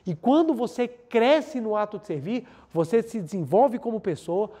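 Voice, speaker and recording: A man with a Brazilian Portuguese accent leads a guided meditation within an earnest spiritual talk, repeating words to drive points home. His voice sits high and sounds warm, with lively intonation at a moderate pace.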